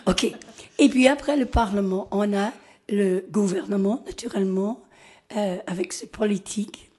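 A woman's voice: medium pitch, a little mellow. A woman from Scotland with a Scottish accent in her French, a native English speaker giving an informal presentation and often searching for words. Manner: halting, searching for words in a second language. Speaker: invited guest speaker.

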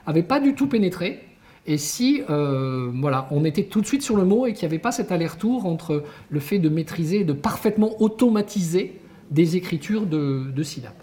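Animated, mellow-voiced man giving a lecture. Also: sits high. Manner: animated, emphatic, poses rhetorical questions. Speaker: education researcher addressing teachers. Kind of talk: conference lecture.

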